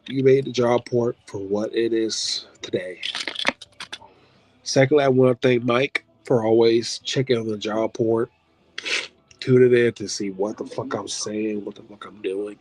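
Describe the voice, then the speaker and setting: A man's voice: mid-range voice, steady tone, unhurried, darkish tone. Man rambling through heartfelt thank-yous. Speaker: online league host signing off. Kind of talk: casual farewell video.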